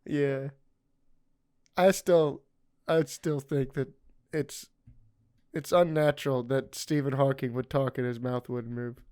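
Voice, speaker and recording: A man's voice: mid-range voice, flat delivery, slow pace, pauses often, a little mellow, clean tone. A man co-hosting a casual podcast, teasing and sarcastic, giggling often. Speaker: podcast co-host.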